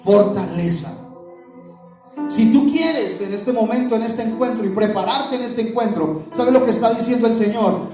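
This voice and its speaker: A man's voice: extremely high pitch, normal speed. A man preaching a sermon as pastor, asking the congregation questions and having them answer back. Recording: echoey hall, voice from far off, music behind.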